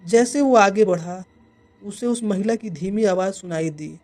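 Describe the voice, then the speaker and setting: A narrator reading a scripted horror story in an even, measured way. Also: medium pitch. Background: faint music.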